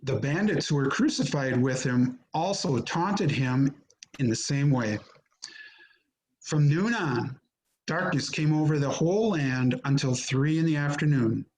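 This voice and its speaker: A man narrating a scripture reading in a measured, solemn manner. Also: on the high side, darkish tone, a little hiss or hum, poor audio. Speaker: narrator in a church Passion reading.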